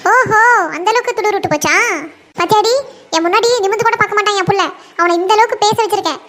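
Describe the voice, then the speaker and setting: A woman voicing a sharp-tongued, nagging mother-in-law in a cartoon, scolding with scorn. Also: extremely high pitch, fast talker, slight background noise. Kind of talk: cartoon voice acting.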